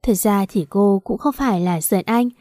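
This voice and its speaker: Mellow-voiced woman reading a story. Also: medium pitch, normal speed, no echo. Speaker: audiobook narrator. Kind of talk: scripted narration of a romance story.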